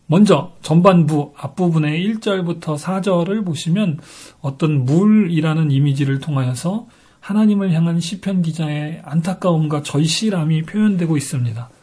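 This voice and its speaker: Male pastor, high mellow voice, earnest emphatic sermon delivery. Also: moderate pace, slightly rough.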